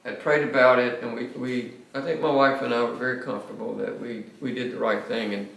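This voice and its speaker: A man's voice: medium pitch, steady tone, brisk, creaky, a bit bright, distant mic. Emphatic older man lecturing. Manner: emphatic, repeats words when restarting. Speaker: pastor and seminary lecturer. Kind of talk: classroom lecture with anecdotes. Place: classroom. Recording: echoey classroom.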